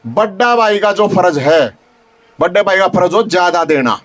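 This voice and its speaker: A man's voice: high voice, expressive, moderate pace. Fiery Haryanvi man rallying a crowd. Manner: fiery, rhetorical, shouts repeated questions at the crowd. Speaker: activist leader speaking to supporters. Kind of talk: rally speech with call-and-response. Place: outdoor protest tent.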